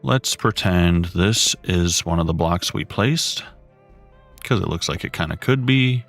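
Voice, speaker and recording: A man in his thirties chatting casually with his live chat while building, relaxed and rambling. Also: low voice, measured pace, creaky. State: has the hiccups. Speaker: streamer. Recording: dry close mic, faint music behind.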